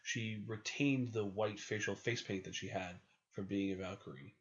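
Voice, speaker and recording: A man's voice: on the low side, steady tone, moderate pace, a loud crowd. A man co-hosting a podcast, talking casually and often hedging and correcting himself. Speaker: podcast co-host. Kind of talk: casual chat. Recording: dull lo-fi recording.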